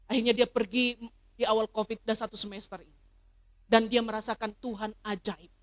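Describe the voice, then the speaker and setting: A middle-aged woman pastor preaching a sermon, swinging from loud emphatic declarations to soft personal stories. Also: on the high side, level tone, brisk. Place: church service.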